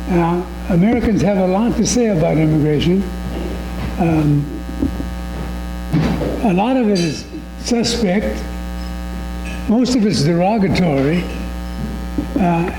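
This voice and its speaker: Older man, talk in front of an audience, anecdotal, halting folksy delivery, troubled voice, echoey hall, clearly noisy background. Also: sits high, animated. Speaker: guest speaker on immigration. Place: large echoey room, on a microphone. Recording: echoey hall, loud hum and noise.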